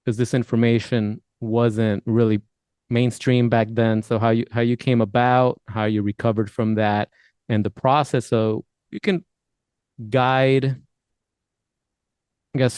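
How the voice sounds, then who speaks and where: A man's voice: medium pitch, fairly even intonation, a little slow, a little mellow, smooth, no room sound, clean studio sound. A man hosting a podcast interview, asking rambling, friendly questions with frequent restarts. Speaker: podcast host.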